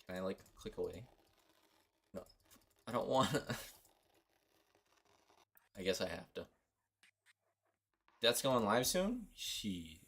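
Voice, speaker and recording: Young man, from Costa Rica, low voice, rambling game stream talk. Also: sing-song, takes it slowly, gravelly, pauses often, a bit bright, breathy edge. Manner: rambling, chatty and offhand. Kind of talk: casual livestream commentary.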